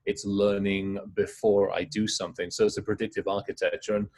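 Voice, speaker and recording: A middle-aged man, a guest in a casual interview, talking in quick, rambling stories. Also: lowish voice, level tone, a little mellow. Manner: fast, rambling storytelling.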